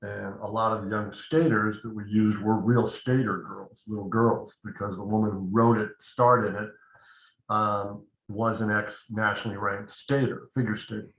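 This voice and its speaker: His voice is on the low side, level in tone and a bit bright, at a moderate pace. This older actor and acting coach tells rambling anecdotes, heavy with asides, in a casual interview over an echoey, dull phone line.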